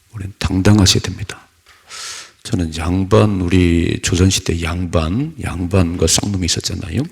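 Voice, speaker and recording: A man's voice: low voice, vocal fry, slightly rough. A male pastor giving an early-morning sermon in a church, preaching conversationally with rhetorical questions and personal stories.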